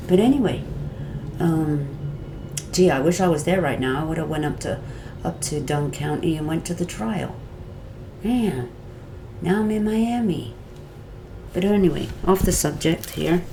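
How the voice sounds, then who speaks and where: A vlogger with a Wisconsin accent gives her viewers a rambling recap of a court trial day, drifting off topic and back in a chatty way. Her low-pitched voice is animated, though she takes her time and leaves long pauses. A noisy background runs beneath her.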